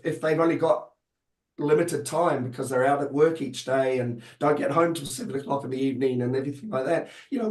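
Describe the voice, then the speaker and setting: A man's voice: mid-range voice, a little mellow. Hesitant man speaking in a roomy echo. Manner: hesitant, many fillers and restarts. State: losing his voice. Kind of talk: webinar presentation. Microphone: online video call.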